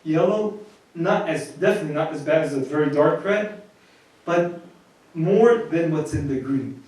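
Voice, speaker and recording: An American priest with a fairly high, darkish voice delivers a marriage lecture in a plain, conversational, expressive manner at a moderate pace, often restarting and repeating words. He sits far from the microphone, and his voice echoes heavily around the room.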